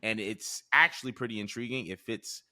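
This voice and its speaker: A man co-hosting a casual chat show, leading the topics in a clear, steady, presenter-like way. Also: lowish voice, a little fast, no echo, studio quality. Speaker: podcast co-host.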